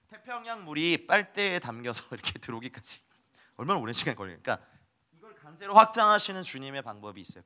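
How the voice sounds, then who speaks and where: A man's voice: medium pitch, sharp tone. A man preaching a sermon as a missionary, telling stories animatedly, acting out dialogue and laughing often.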